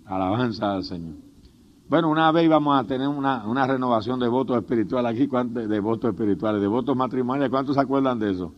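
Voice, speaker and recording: A man's voice: medium pitch, fast talker. Fervent male pastor preaching on dull tape. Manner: fervent preaching with frequent praise interjections; humorous storytelling with laughs. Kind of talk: sermon.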